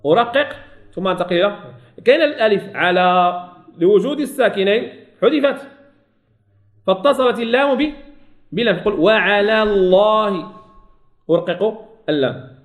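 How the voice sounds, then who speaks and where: High-voiced Moroccan teacher, echoey room. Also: male voice, expressive. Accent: Moroccan Arabic. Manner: slowly drawn-out demonstrations, repeating words. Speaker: Quran recitation teacher. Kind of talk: teaching lesson.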